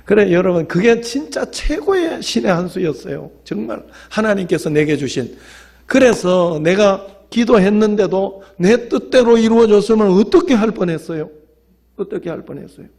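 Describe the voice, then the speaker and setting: Korean pastor with a Gyeongsang accent. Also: male voice, mid-range voice, creaky, darkish tone. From Gyeongsang region of Korea. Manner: storytelling, with rising emphatic appeals to the congregation. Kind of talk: sermon. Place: church sanctuary.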